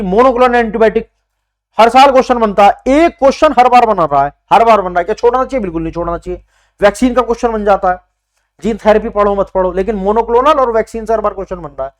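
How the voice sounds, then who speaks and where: A young man teaching an exam-prep class in casual spoken style, repeating key points emphatically and calling students brother. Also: extremely high pitch. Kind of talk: informal coaching lecture.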